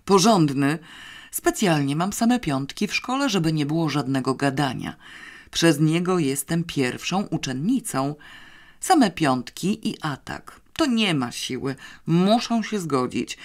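A bossy, clever schoolgirl, read out by an audiobook narrator lays out her plans with calm certainty. The voice sits somewhat higher and louder than the narrator's own and carries a scornful edge. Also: a little slow. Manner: confident, scheming, a little scornful.

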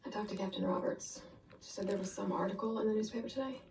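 A woman's voice: medium pitch, steady tone, fast talker, a little mellow, far from the mic, slight background noise, close to an everyday voice. An actress playing a caring young woman who comforts her friends in a TV drama. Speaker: character in a TV drama. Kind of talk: scripted TV drama acting. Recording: TV audio heard from across a roomy space.

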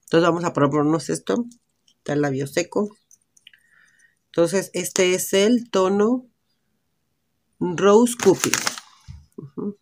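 Slow-talking Mexican woman vlogger. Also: lowish voice, a little mellow. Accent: Mexican Spanish. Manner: chatty, thinks aloud, many fillers. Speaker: beauty vlogger. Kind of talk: casual lipstick try-on vlog. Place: indoors at home, natural light.

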